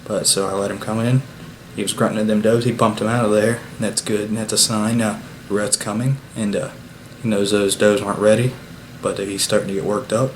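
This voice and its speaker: A man hosting a casual hunting vlog, recapping the day at home in a relaxed, unhurried way with plenty of "uh" fillers. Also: on the low side, rough recording. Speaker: bowhunter and channel host. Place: at home after the hunt. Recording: steady background noise.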